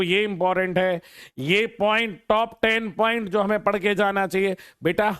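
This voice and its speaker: A man's voice: high voice, a bit bright, clean tone, no room sound, studio quality. A male teacher giving a motivational talk to exam students, earnest and scolding yet caring, repeating phrases for emphasis.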